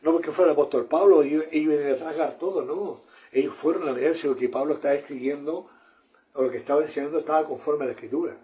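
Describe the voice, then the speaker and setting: A man's voice: a little high, fast, mellow. A man, preaching a sermon in an earnest manner, often repeating phrases and calling his listeners brother.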